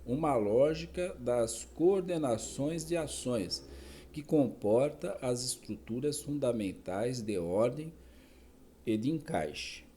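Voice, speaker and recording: A man reads a dense academic text at a slow, deliberate pace. His voice is dark and mellow, with an even, average pitch. He stops now and then to correct a word or to add a quick aside. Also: slight background noise. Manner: slow, careful reading with self-corrections and asides. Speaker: reader. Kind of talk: reading a philosophy text aloud.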